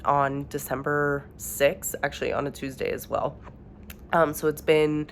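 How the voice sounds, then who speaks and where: A low-pitched woman in her twenties chats to camera in a casual vlog, her voice stuffy and nasal from a cold. She rambles with plenty of ums and likes. Faint noise hums behind her. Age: 20s. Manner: chatty, with many ums and likes. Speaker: vlogger.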